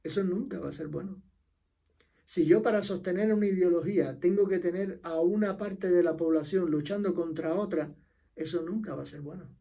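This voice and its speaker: A man's voice: high-pitched, normal speed, vocal fry, dark tone. A middle-aged man with a Cuban accent, delivering an impassioned opinion monologue and repeating his key points. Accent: Cuban Spanish. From Cuba. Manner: emphatic, repeats key phrases, trails off at sentence ends. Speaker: political commentator.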